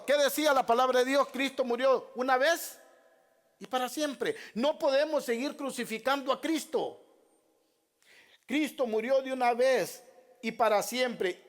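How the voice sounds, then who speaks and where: High-voiced male pastor preaching. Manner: repeats Bible references and addresses listeners as beloved brothers; asks the congregation rhetorical questions. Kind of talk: sermon.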